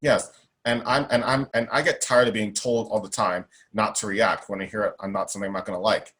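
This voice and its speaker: A young man with a lowish, fairly bright voice keeps a steady tone and a fairly quick pace as an interview guest. Advocating for himself, he sounds strong, outspoken and emphatic, and he repeats things.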